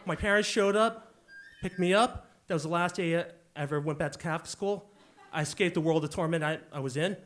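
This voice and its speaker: A young man telling a story on stage, animated and acting out the dialogue with loud bursts. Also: fairly high pitch, brisk. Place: club stage with audience.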